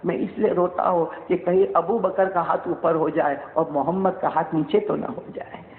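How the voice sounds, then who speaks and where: A man with a Mewati-inflected accent preaching a sermon and telling a story with animation. He calls on the listeners to repeat after him and builds up to shouting. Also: sits high, steady tone. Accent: Mewati-inflected Urdu. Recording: echoey hall, tinny lo-fi sound.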